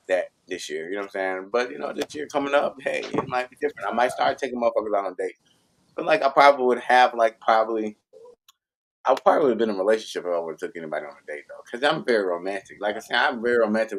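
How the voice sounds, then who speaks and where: A man's voice: lowish voice, a bit bright. A man telling rambling, profane stories in casual chat, acting out both sides of old arguments and often saying "you know what I'm saying". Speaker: podcast co-host. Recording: noisy recording with clicks.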